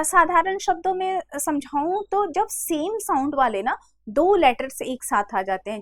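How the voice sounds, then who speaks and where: A woman teaching a Hindi grammar lesson over slides, speaking patiently, repeating examples slowly and calling her students "beta". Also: high voice, no echo, clean studio sound.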